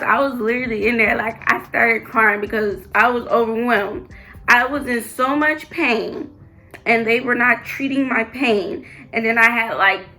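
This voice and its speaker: A young woman vlogger chatting casually to the camera and telling a personal story, full of "like" fillers and animated retellings. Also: a little high, creaky.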